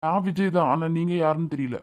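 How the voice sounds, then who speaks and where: Cartoon role: woman doing a grumpy young businessman, lowish dark mellow voice, irritable. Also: fairly quick, lightly acted. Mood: irritated. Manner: irritable, offhand, dismissive. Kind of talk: cartoon voice acting.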